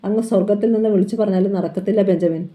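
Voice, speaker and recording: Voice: mid-range voice, fairly even intonation, rapid-fire, mellow, close to an everyday voice. Channar, a menacing defiant strongman, put on by a narrator. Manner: menacing, taunting threats. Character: fierce defiant middle-aged male local strongman. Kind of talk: dramatic novel reading.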